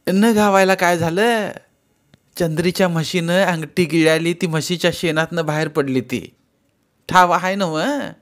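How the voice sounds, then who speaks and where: A man voicing an old village mother-in-law with a rural Marathi accent, scolding and doting in a high, loud voice. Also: a little slow. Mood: fussing.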